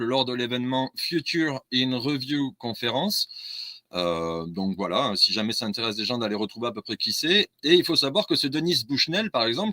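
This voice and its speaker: A man's voice: mid-range voice, pushed and bright, dry recording. A man, a guest in a casual discussion, explaining his views earnestly and at length.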